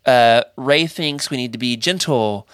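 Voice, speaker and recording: A man's voice: medium pitch, a little slow, fairly bright tone, clear, resonant tone, no echo, studio quality. A man hosting a casual fan podcast, talking enthusiastically in a rambling, jokey way. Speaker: podcast host.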